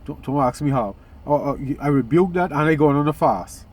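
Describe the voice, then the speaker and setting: A man's voice: a little high, fairly quick. A man hosting a casual spiritual vlog, talking in a rambling way with many restarts and occasional yawns. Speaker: vlog host.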